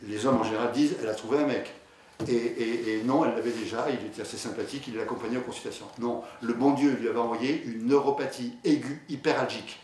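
A man's voice: mid-range voice, quick pace, a little mellow. A man, a diabetologist, giving a conversational conference lecture, hesitant with many fillers and restarts, telling patient anecdotes. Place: lecture hall. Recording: echoey hall, distant mic, faint noise.

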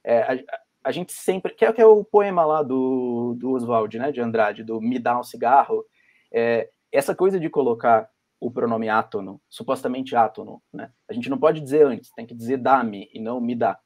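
A man's voice: medium pitch, moderate pace, a little mellow. A Brazilian man with a Brazilian Portuguese accent, talking on a video-call panel and thinking aloud with many fillers and restarts. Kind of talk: academic panel discussion.

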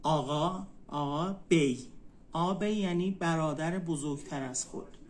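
Man tutoring vocabulary, slow repetition. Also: a little high, slight background noise. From Iran. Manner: repeats words slowly, spells them out for a student. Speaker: Turkish language tutor. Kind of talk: one-on-one language lesson.

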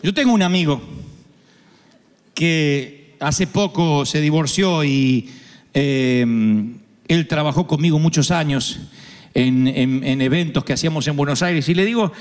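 Argentine guy preaching, kinda high voice, jokes around and suddenly shouts, big hall echo. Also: unhurried. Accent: Argentine Spanish. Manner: humorous, acts out quoted voices, sudden shouts. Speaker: pastor. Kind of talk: sermon.

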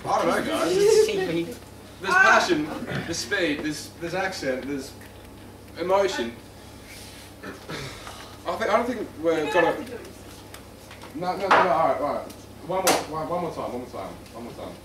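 A man playing an exasperated stage director in a comedy skit, halting and restarting as he calls takes. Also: on the high side, big pitch swings. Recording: echoey hall from far off, audience noise.

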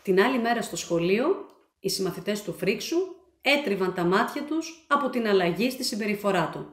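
A woman reading her children's book aloud, with animated, expressive storytelling. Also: medium pitch. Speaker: storyteller and author. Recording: echoey room.

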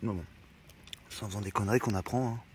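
A man's voice: fairly low pitch, fairly even intonation, fast, background noise. A man vlogging casually outdoors by a campfire, talking in slang and swearing freely as he rambles. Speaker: van-life vlogger. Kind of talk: casual vlog chat.

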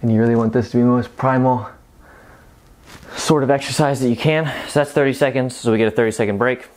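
A man in his thirties talking casually to camera as a fitness vlogger during a workout, informal and halting between efforts. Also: medium pitch, steady tone, a little mellow. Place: home gym room, indoors.

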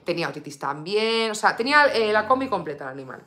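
A woman's voice: medium pitch, big pitch swings, fast, sharp tone. A woman from Spain chatting casually on a live stream, full of fillers and reading viewer comments aloud. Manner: coos baby talk at her dog. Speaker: beauty vlogger live streaming.

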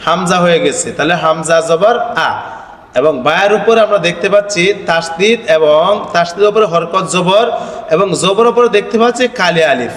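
A man teaching Arabic letter spelling for Quran reading, drilling the syllables slowly in a singsong chant and asking questions that he answers himself. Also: sits high, fairly bright tone. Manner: asks the viewers questions and answers them himself. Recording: echoey room with long reverb.

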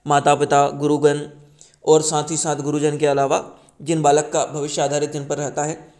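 A man's voice: fairly high pitch, completely flat delivery, moderate pace, a little mellow. A man hosting a channel, reading a book preface aloud in earnest with small slips and restarts.

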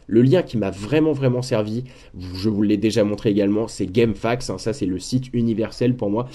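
Male walkthrough creator, mellow voice, casual and repetitive screen-share commentary. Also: fairly low pitch. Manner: chatty, repeats words, many fillers.

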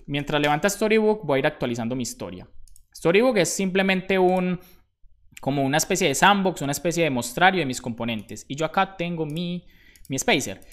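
A man, live-coding for viewers in a relaxed, chatty way, thinking aloud as he works and joking about his own slips. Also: on the high side. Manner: thinks aloud, talks to himself while typing. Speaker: programmer streaming live. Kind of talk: casual live-coding tutorial.

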